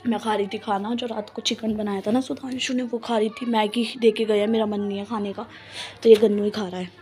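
A woman's voice: medium pitch, level tone, fairly quick, dark tone. A woman chatting casually to her viewers in a daily home vlog, filmed on her phone and addressing them as guys. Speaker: vlogger. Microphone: handheld phone camera.

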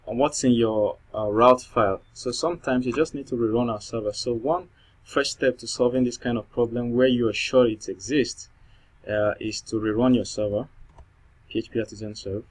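Speaking in a medium pitch with fairly even intonation and a moderate pace, a programming tutor thinks aloud during a screen-recorded coding tutorial. English isn't his first language, so he has a non-native accent, and he often restarts and uses fillers.

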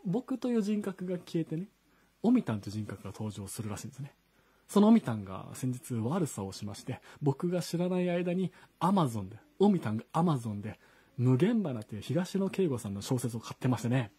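A man's voice: medium pitch, sing-song, a little fast, warm tone, breathy edge. A singer-songwriter chatting casually from his home studio, greeting viewers by name and reading their comments aloud. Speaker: singer-songwriter hosting a live stream. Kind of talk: casual chat to online viewers.

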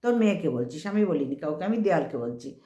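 A woman's voice: sits low, lively intonation, fast talker, warm tone, highs cut off. Sarcastic woman scolding in an echoey room. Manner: mocking, sarcastic, addresses target directly. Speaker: commentary vlogger. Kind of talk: scolding commentary rant.

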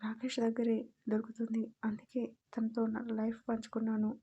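A woman's voice: on the high side, completely flat delivery, fairly quick, dark tone, breathy edge, highs cut off. A woman voicing a defiant young wife who speaks bluntly and cheekily in a storybook reading.

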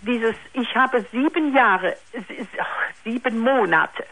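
A woman's voice: fairly high pitch, fairly bright tone, a little hiss or hum. Older woman calling in over a phone line. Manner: halting, with many restarts. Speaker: caller. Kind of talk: phone-in radio call. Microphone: telephone.

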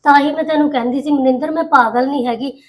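Woman as indignant elder daughter-in-law, quick, high grumbling. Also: fairly even intonation, close to an everyday voice. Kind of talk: village family drama acting.

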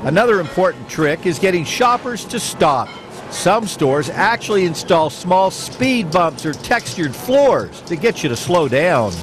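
Lively high-voiced male news reporter. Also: unhurried. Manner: lively, polished delivery. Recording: noisy broadcast audio.

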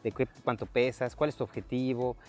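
A man's voice: mid-range voice, a little fast, faint music behind. A man in his thirties hosting a casual fitness chat outdoors in a park, talking loosely with fillers, on a lapel mic. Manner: relaxed, conversational, frequent fillers. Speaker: fitness coach and host. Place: outdoor park workout area.

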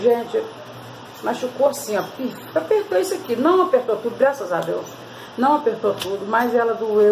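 A woman's voice: mid-range voice, vocal fry, a little mellow, slight background noise, low-quality recording. A Brazilian woman vlogger, chatting with her viewers as she tells a story and shares a hair-care tip. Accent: Brazilian Portuguese. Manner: chatty, constantly addresses viewers.

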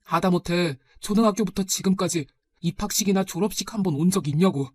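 A woman's voice: lowish voice, fairly quick, no echo, natural voice. Resentful teenage son, pointed and reproachful, read by a woman narrator. Dry, close sound. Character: nineteen-year-old son, resentful but gentle with grandmother. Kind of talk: storybook narration.

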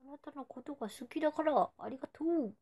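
Chatty young woman idol, slightly high. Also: brisk, mellow. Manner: chatty and playful, sometimes dropping to a whisper. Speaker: idol streaming to fans. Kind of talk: casual livestream chat reading viewer comments.

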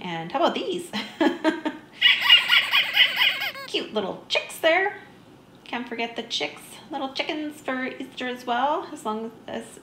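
A woman's voice: a little high, fairly bright tone, roomy sound, slight background noise. A woman narrating a shopping vlog in a chatty, easygoing way, enthusiastic about small finds. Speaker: vlogger. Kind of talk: shop-with-me voice-over narration.

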